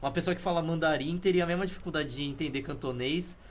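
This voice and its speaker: A man's voice: a little high, fast. A man with a Brazilian Portuguese accent co-hosting a casual podcast chat, explaining at length and joking. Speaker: podcast co-host.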